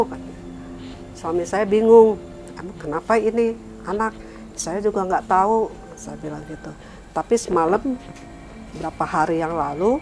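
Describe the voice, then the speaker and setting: A middle-aged woman recounting a family story in casual talk, raising her pitch when she quotes others and trailing off softly afterward. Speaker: guest telling her story.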